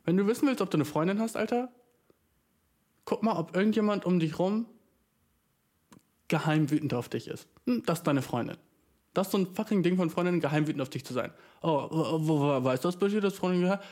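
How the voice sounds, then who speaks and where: A young man ranting casually and comically, full of slang and swearing, with English words mixed in and big jumps in pitch for emphasis. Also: animated, a little fast, mellow. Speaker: vlogger ranting to camera. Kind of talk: casual comedic rant.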